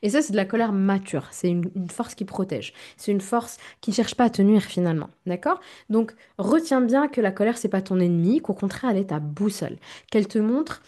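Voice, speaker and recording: Mellow-voiced woman hosting a self-help talk. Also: mid-range voice, animated, a little fast. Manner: direct, speaks straight to the listener with frequent "ok?". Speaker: therapist and podcast host. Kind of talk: self-help podcast monologue.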